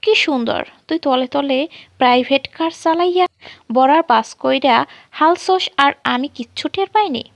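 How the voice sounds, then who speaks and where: A woman doing a loud teasing young woman. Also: high voice, gravelly, no room sound. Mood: excited. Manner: rapid joking rural-dialect banter.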